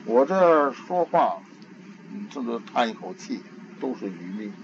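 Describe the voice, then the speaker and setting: A man's voice: mid-range voice, very animated, measured pace. An older man giving an informal Buddhist dharma talk, in a homely conversational way, often repeating and restarting his words. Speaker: Buddhist teacher. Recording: dull lo-fi archival tape with faint hiss.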